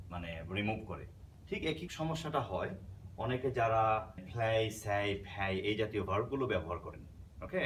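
Male English teacher, low voice, patient step-by-step explanation, recorded a bit off-mic. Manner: explains patiently, checks in with "okay?" often; mixes English words into his explanations. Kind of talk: explaining grammar lesson. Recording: slightly distant mic with faint background noise.

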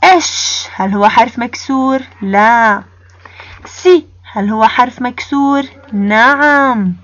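A woman teacher leading a first-grade reading lesson, sounding out letters slowly and praising the class, with a Jordanian Arabic accent. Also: a little high, expressive, a bit bright, lo-fi sound, slight background noise. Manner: slow, drawn-out sounding of letters with call-and-response praise.

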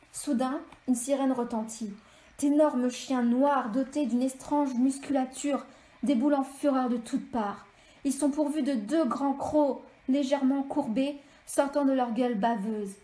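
A woman author reading an extract of her novel aloud in steady, measured storytelling. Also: high-pitched. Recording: echoey room.

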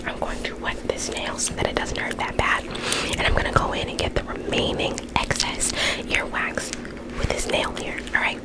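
A young adult woman doing an ASMR whispered role-play as an ear cleaner, speaking in a breathy, unvoiced whisper and giving instructions with repeated phrases. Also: normal speed, low-quality recording. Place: small bedroom, indoors.

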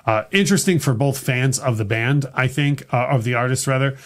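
A middle-aged man with a mid-range voice hosts a casual music podcast from a small studio room lit in purple. He talks briskly but loosely, rambling with plenty of fillers and restarts.

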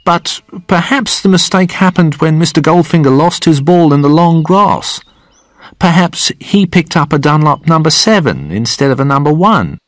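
A man doing a high polite caddy. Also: very animated, normal speed, no room sound. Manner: polite, deferential. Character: polite deferential male golf caddy.

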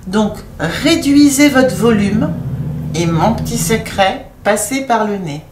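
A woman's voice: medium pitch, animated, slow, distant mic, background noise. A woman teaching singing, explaining vocal registers and breaking into short sung demonstrations. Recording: echoey room, voice a bit off mic.

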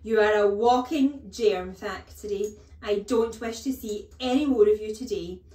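A woman's voice: medium pitch, measured pace, darkish tone, lightly acted. Woman acting a bellowing tyrant headmistress, echoey room. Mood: scornful, bullying. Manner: barking, bellowing commands, contemptuous. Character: huge tyrannical headmistress, scornful, bullying, barking insults. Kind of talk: children's storybook read-aloud.

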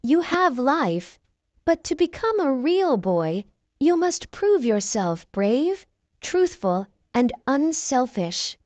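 A calm, gentle fairy speaking in slow, measured words in a storybook, as a woman reads her. Pitch rises and falls gracefully, dry and close. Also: dry recording, heavily acted. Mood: solemn. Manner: slow soft measured speech. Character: serene magical fairy woman in blue.

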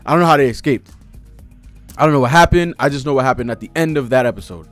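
A young American man hosts a manga reaction, giving casual live commentary full of slang and profanity. He talks fast at a medium pitch, speaking expressively into a desktop mic close in front of him. He is in a cluttered room at home, with faint music in the background.

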